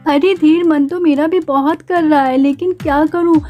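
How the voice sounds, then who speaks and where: A woman's voice: sits high, fairly even intonation, normal speed, mellow, faint music behind, natural voice. A woman voicing a sensible, dutiful older sister doll in a doll play story, talking in a cautious, reasoning way.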